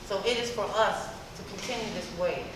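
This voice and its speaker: An older woman speaking at a premiere panel, animated and laughing often. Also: mid-range voice, a little fast, noisy background. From Virginia and North Carolina roots, US. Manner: animated, laughing, quoting voices. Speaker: author and director at a premiere panel. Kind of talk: casual panel talk. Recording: roomy far-off hall mic with crowd murmur.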